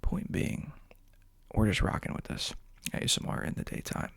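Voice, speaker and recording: A man's voice: moderate pace, a bit bright, no echo. A man whispering casually into a close microphone for an ASMR video, rambling and joking in a self-aware way. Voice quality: breathy whisper. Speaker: ASMR creator. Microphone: studio microphone with fuzzy cover, close.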